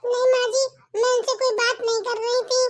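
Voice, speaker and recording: A woman voices a timid young daughter-in-law who pleads and complains about her hard life. The voice is very high and thin. It is a home-made family drama. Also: little pitch movement, brisk. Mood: meek.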